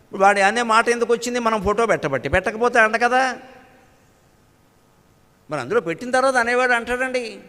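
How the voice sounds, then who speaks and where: An older man giving a spiritual discourse, slowly chanting verses and then explaining them in a chatty, lively way. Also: very high voice. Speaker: spiritual lecturer. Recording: long hall reverb.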